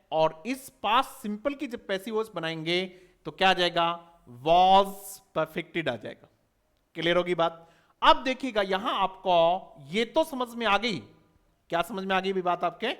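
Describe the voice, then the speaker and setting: High-voiced man teaching English grammar. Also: bright, forceful tone, clear, resonant tone. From India. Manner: spells words letter by letter and asks quick rhetorical questions. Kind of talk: exam-prep lecture.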